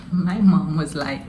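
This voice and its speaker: A woman's voice: low voice, mellow, roomy sound, low-quality recording. A young adult woman telling a story in a casual, slangy way and laughing often as she goes. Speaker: vlogger.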